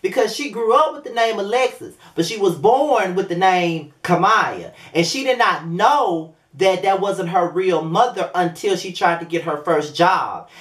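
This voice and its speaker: A man's voice: sits high, lively intonation, a little slow, few pauses, a bit bright. A man in his late twenties talks straight to camera in a loose, rambling vlog review. He swears freely, circles back on himself and fills gaps with lots of ums. His voice carries a noticeable room echo. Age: 20s. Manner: blunt, profane, rambling with many fillers. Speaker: video reviewer. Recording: roomy echo.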